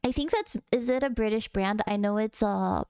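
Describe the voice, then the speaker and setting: A woman's voice: mid-range voice, normal speed, darkish tone, clear, resonant tone, no echo, studio quality. Bubbly, swearing woman streamer. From United States. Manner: bubbly, chatty, swears casually. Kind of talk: casual gaming stream chat.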